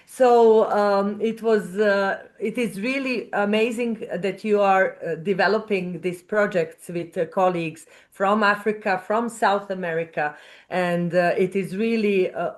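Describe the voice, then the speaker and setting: A woman's voice: medium pitch, fairly even intonation, unhurried. A woman moderating an online webinar, thanking speakers and passing the floor with some fillers.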